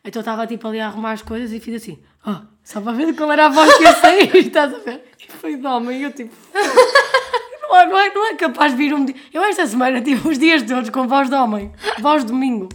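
A young woman with a European Portuguese accent, co-hosting a podcast, telling lively stories in casual chat while sick with a cold. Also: sits high, quick pace, few pauses. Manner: animated storyteller. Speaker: podcast co-host.

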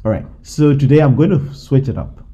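A man's voice: medium pitch, a little fast, dark tone, highs cut off. A man hosting a casual group podcast, upbeat and teasing, often laughing as he talks. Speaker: podcast host.

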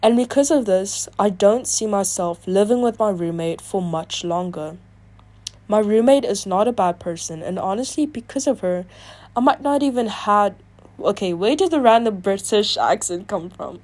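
A woman's voice: medium pitch, moderate pace. A woman reading online confessions aloud and breaking off into chatty, reactive asides full of "like". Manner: chatty, filler-heavy talk with frequent "like"; animated, reactive asides between read passages. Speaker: video creator.

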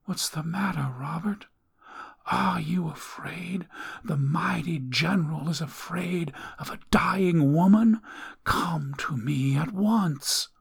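A man voicing a dying old woman in a hoarse, mocking, breathy whisper. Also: on the high side, slow pace, pitched above the performer's own voice, heavily acted.

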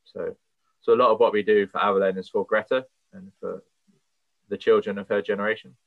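A man's voice: on the low side, level tone, a little fast, vocal fry, no echo. A man speaking as a podcast guest, earnest and passionate, thinking aloud with fillers as he goes. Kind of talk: earnest conversational interview. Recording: tinny phone-like line, dry.

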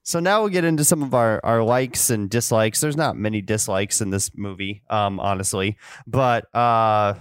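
A man co-hosting a film review podcast, talking in a measured, easygoing way. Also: fairly low pitch, clean tone, no room sound, studio quality. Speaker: podcast co-host. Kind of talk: casual film review chat.

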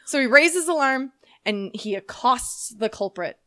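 A woman's voice: high voice, lively intonation, unhurried, pushed and bright. A woman co-hosting a podcast in casual chat, blunt and profane, retelling a case. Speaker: podcast co-host.

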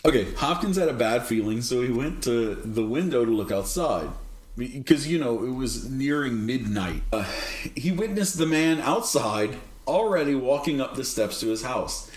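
A man's voice: medium pitch, expressive, normal speed, roomy sound. A man co-hosting a podcast in casual chat. He reads a story aloud and breaks off into jokes and laughter. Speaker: podcast co-host. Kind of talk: casual chat and script reading.

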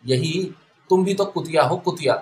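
A man's voice: fairly high pitch, a little mellow, echoey room, lightly acted. A man reading the lines of a coarse, grumbling young husband who insults his wife in a story. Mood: sneering.

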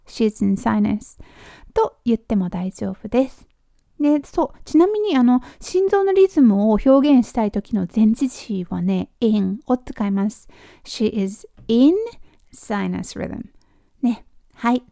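A woman hosting a spoken lesson, explaining terms in a friendly teacherly way and slowly modelling words for the listener to repeat. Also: a little high, dry recording, clean studio sound. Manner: slow drawn-out model pronunciations between chatty explanations; teacherly, sprinkles soft tag words. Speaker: podcast host teaching medical English.

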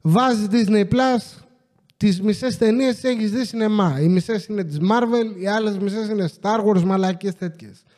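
High-voiced man ranting sarcastically. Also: darkish tone, in a large hall. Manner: ranting, sarcastic, swears a lot. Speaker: podcast host. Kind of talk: casual comedic rant.

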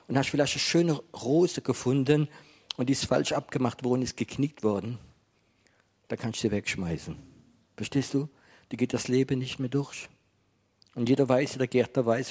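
A man preaching to a congregation in a gentle, conversational way, often asking his listeners questions. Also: medium pitch, breathy edge. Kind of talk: sermon to a congregation.

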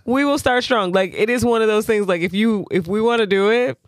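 A woman co-hosting a casual, comic chat, telling things in a playful, animated way. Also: medium pitch, fairly quick, no room sound.

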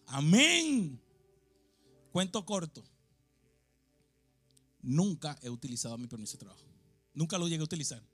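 A man from Venezuela preaching a sermon in a church, moving between quiet, confiding passages and shouted, fervent exhortation. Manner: impassioned, swings from low confiding to shouted exhortation.

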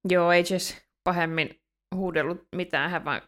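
A Finnish woman with a fairly low voice co-hosts a casual podcast. She reads episode recaps aloud and chats easily, often on the edge of a giggle. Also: fairly even intonation, a bit bright. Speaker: podcast co-host.

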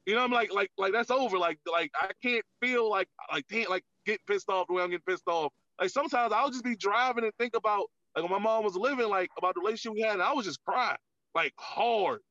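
A man's voice: sits high, fast, bright, forceful tone, no echo. A man, a comedian guest on a podcast, talking candidly in casual chat with lots of filler words. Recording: dull, lo-fi, dry sound.

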